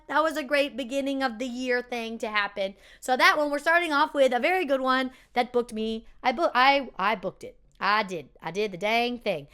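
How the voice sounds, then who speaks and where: A woman's voice: fairly high pitch, pushed and bright, smooth. A young woman chatting casually and self-deprecatingly as she reacts to her own audition tapes.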